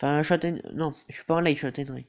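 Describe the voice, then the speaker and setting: Rapid-fire and fairly high-pitched with mostly even intonation, a teenage boy with a stuffy head cold narrates a game tutorial over the screen. The gaming YouTuber hesitates a lot, loads his speech with filler, and repeats "donc voilà."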